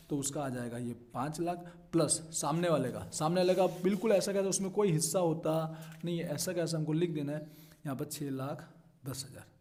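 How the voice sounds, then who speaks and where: A man's voice: on the high side, warm tone. A man, teaching an accounting solution step by step and checking in with his students. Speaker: commerce tutor.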